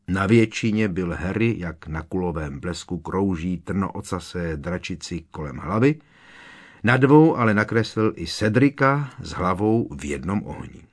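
A man narrating an audiobook in a steady, expressive reading voice. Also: sits low. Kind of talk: scripted narration.

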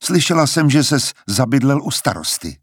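A man's voice: mid-range voice, sing-song, slightly rough, no room sound, clean studio sound, voice pushed up. A man voicing a defiant, blunt young woman in an audiobook reading. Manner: firm, blunt. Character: defiant young woman singer, sharp-tongued.

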